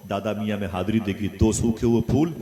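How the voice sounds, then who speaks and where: A man preaching a sermon, telling a story with rising passion and bursts of loud dialogue. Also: fairly low pitch, steady tone, a little fast. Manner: impassioned, swells loud on dialogue. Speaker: Islamic preacher. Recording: live crowd gathering. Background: audience murmuring responses.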